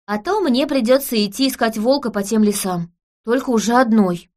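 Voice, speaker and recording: Woman doing a young girl, higher voice, calm and serious, plain-spoken. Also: moderate pace, natural voice. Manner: calm, matter-of-fact, serious. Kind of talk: audiobook character reading.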